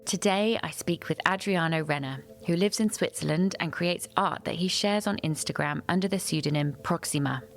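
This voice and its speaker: Low-voiced woman hosting a podcast. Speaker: podcast host. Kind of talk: scripted intro, then interview.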